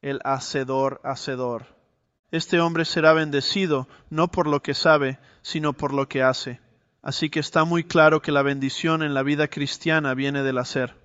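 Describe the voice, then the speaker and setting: Smooth-voiced male preacher teaching scripture. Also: a little high, fairly even intonation, moderate pace, fairly bright tone, no echo, muffled recording. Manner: expository Bible teaching, reading verses aloud. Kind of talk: sermon.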